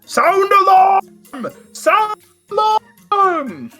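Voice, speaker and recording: An unseen castle sentry bellows a warning, the voice magically amplified so it booms and rings through the halls, as a game master puts it on. The cry sits far above an ordinary speaking voice and sounds strained, with faint music playing underneath. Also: male voice, sing-song, drawn-out words, heavily acted. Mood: alarmed. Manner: shouted high-pitched alarm call. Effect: loud booming voice echoing through a castle, magically amplified. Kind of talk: narrating a tabletop game.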